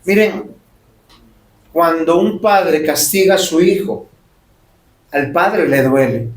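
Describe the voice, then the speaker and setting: Preaching slowly from the church sanctuary, this pastor uses a slightly high voice, hammering points home with rhetorical questions. The church echo sounds roomy, and there's slight background noise.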